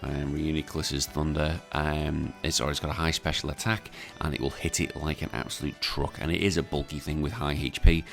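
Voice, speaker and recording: A young British man with a very low voice commentates on a game in a casual way. He keeps it quiet and subdued, as if recording late at night, with music clearly playing behind him. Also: level tone, moderate pace, hardly any pauses. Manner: subdued, hushed voice kept down at night. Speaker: gaming content creator. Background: clear background music.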